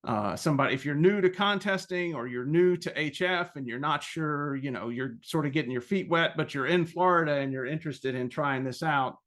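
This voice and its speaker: Speaking as a club president, a man gives an informal explanatory presentation, halting often and saying um a lot. His voice is a little high and a bit bright.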